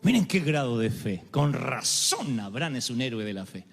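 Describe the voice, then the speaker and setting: A man's voice: medium pitch, big pitch swings, moderate pace, husky. A man preaching a dramatic sermon, acting out quoted voices with humorous asides. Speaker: pastor. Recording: live hall with long reverb, faint music.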